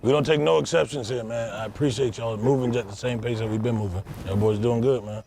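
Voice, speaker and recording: A man's voice: mid-range voice, steady tone, quick pace, gravelly, darkish tone, a little hiss or hum. A man hosting livestream auditions in a casual comedic interview style, blunt, teasing and full of slang and swearing. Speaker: host judging auditions on a livestream.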